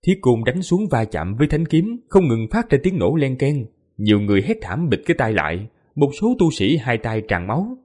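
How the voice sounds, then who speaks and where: A man's voice: mid-range voice, very animated, moderate pace, hardly any pauses, a little mellow. A man narrating a fantasy martial epic as an audiobook, vivid and emphatic. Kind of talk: dramatic fantasy novel narration.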